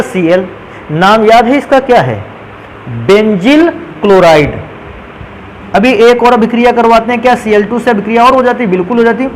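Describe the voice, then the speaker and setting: In a low-quality recording with a faint hiss or hum, a very high-pitched male teacher gives a chemistry lecture. He uses "beta" for his students and answers the questions he himself asks.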